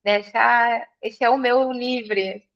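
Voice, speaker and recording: A business mentee from Serra Gaúcha in southern Brazil's Rio Grande do Sul, with a gaúcho accent, reflects slowly as an interview guest and repeats phrases for emphasis. Her fairly high voice is steady in tone and creaky, and the sound is lo-fi.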